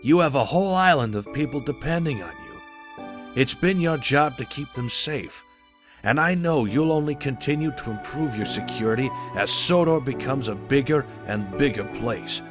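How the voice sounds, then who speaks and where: A proud father , acted by a man, voices a letter to his son as drama narration. He is earnest and measured, with an average-pitched male voice. Music plays clearly behind him. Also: animated, lightly acted. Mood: proud, solemn. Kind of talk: letter read aloud as dramatic voice-over.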